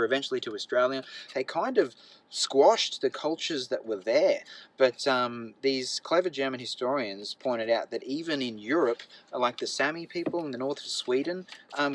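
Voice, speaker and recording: A man's voice: mid-range voice, low-quality recording. Chatty man giving a rambling talk. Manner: chatty and anecdotal, many ums and uhs; gets excited as he talks. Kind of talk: public talk.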